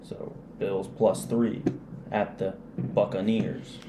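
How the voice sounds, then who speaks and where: A man co-hosting a casual sports podcast, reading his betting picks in a slow, drawn-out way. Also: on the low side, level tone, roomy sound, background noise. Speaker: podcast co-host.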